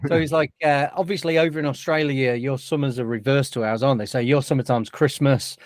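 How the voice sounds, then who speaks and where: A man's voice: medium pitch, steady tone, brisk, dry recording. A man hosting a podcast in a chatty, jokey way. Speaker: podcast host. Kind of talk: casual podcast chat.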